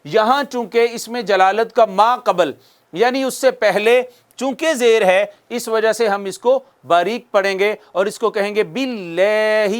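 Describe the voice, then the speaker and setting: A man teaching Quranic recitation on a TV lesson, explaining patiently to viewers and drawing out Arabic phrases slowly as models to repeat. He speaks with a Pakistani Urdu accent. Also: high-pitched, clean tone. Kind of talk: televised tajweed lesson.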